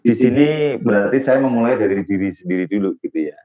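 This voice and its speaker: A man in his forties giving a webinar talk to parents as a lecturer, unhurried and hesitant, with frequent fillers and tag questions. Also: lowish voice, expressive, warm tone, muffled recording. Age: 40s.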